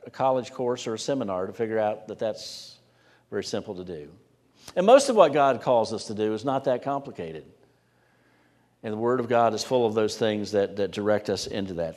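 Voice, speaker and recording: A man preaching a sermon as pastor, earnest and plain-spoken, often dropping to a hushed voice for emphasis. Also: lowish voice. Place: church sanctuary. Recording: preached in a reverberant church sanctuary.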